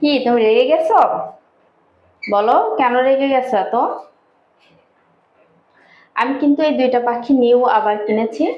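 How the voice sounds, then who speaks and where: Indoors at home, a woman vlogs casually to her viewers while coaxing her pet birds in sing-song baby talk, her voice rising high when she calls them. The room is echoey and the sound dull and lo-fi.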